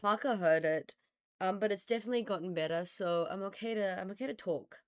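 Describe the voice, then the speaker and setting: A woman streamer chats casually with her live chat, greeting viewers by name, while her voice is still recovering from being lost. It sounds hoarse, raspy and slightly gravelly, sitting in the mid range, and she speaks briskly.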